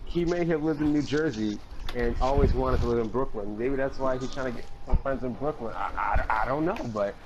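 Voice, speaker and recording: A man's voice: mid-range voice, brisk, muffled recording, noisy background. A man hosting a parody political panel, rambling with lots of fillers and repeated words in an improvised online chat. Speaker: mock political panel host. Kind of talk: improvised parody talk show.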